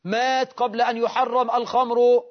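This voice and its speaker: A man with an Egyptian accent giving a religious lesson, reading classical texts and breaking into lively colloquial explanations. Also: very high-pitched, normal speed. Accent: Egyptian Arabic. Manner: animated, dramatizes quotes, Egyptian asides explaining classical text. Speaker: religious teacher. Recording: dull lo-fi recording.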